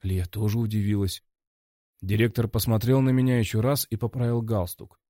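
A man narrating an audiobook story in a calm, deadpan way. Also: lowish voice, moderate pace, no echo, studio quality.

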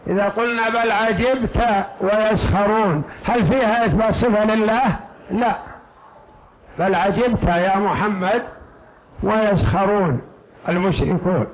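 A man, a sheikh, giving slow, emphatic lecture commentary on a text that was read aloud, repeating key phrases. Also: sits high. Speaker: sheikh teaching a creed text. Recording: dull lo-fi lecture recording.

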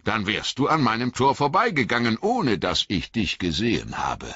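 A man voicing a gruff, hearty male hobbit farmer in an audiobook, speaking in a booming, blustery, rustic way. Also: huge pitch swings, moderate pace, bright, forceful tone, no echo, muffled recording, heavily acted.

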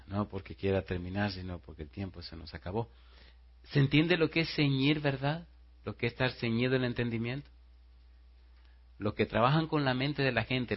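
A man preaching a sermon as pastor. He tells stories quietly and then rises into loud rhetorical questions to the congregation. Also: fairly low pitch, highs cut off.

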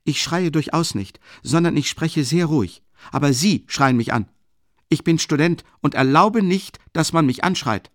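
A man's voice: on the high side, animated, normal speed, no room sound, clean studio sound, pitched above the performer's own voice, natural voice. A man reading an audiobook, voicing a feverish young male student who answers back in raised, indignant retorts.

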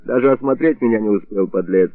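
A man's voice: on the low side, fast talker, no echo, natural voice. A man voicing a boisterous, mocking old Georgian man in a story reading, heard over tinny radio sound. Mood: scornful. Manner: rowdy, mocking, loud. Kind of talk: audiobook reading. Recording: tinny narrowband radio, dry.

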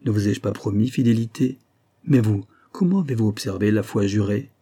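A man's voice: fairly low pitch, fairly quick, warm tone. A man voicing an ardent young male lieutenant who pleads eagerly and turns furious. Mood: pleading. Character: ardent young male lieutenant, smooth-talking then violent. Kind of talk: audiobook character voice.

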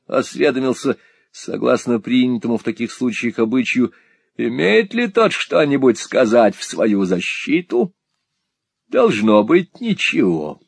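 A man narrating a classic novel as an audiobook in an expressive, theatrical way. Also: mid-range voice, gravelly, breathy edge, dry recording, clean studio sound. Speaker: audiobook reader.

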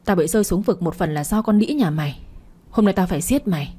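A woman doing a middle-aged mother-in-law in a blind rage, hurling curses fast and hard in a low husky voice, storybook style. the tone is dark and mellow underneath the fury. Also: animated. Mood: enraged. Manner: shrieking abuse, rapid-fire cursing.

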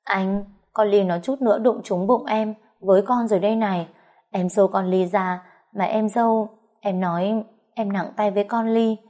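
A woman's voice: medium pitch, steady tone, moderate pace, mellow, close to an everyday voice. A woman voicing a spoiled, haughty pregnant sister-in-law who talks in a whiny, fake-sweet way.

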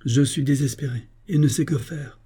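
A man's voice: mid-range voice, moderate pace, dark tone, husky, pitched above the performer's own voice. A man doing a despairing pleading husband. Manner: pleading, anguished. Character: desperate young husband, grief-stricken.

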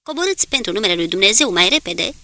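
A woman doing a rough, cursing sailor. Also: medium pitch, very animated, pushed and bright, no echo, heavily acted. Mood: rough yelling. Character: rough male sailor, foul-mouthed and loud.

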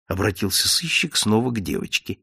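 Guy reading a story aloud, animated delivery, bit of vocal fry. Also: fairly low pitch, brisk, no room sound, clean studio sound. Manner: expressive storytelling. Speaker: narrator. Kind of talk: audiobook narration.

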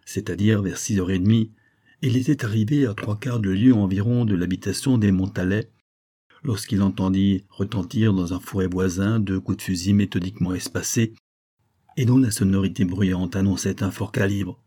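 A man reading a classic novel aloud as an audiobook narrator, in a measured way that lifts his voice for the dialogue. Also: low voice, steady tone, warm tone, husky.

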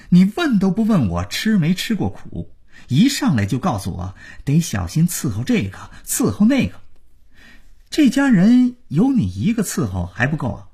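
A man's voice: husky, heavily acted. A man voicing a proud, resentful young man who lashes out at his father in a strained, raised voice. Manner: cold, then shouting in a strained high voice.

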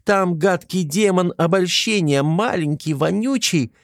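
A man's voice: a little slow, no room sound, clean studio sound. A man voicing a hysterical young woman who shrieks and rages. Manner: shrill, screaming, hysterical. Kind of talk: audiobook character voice.

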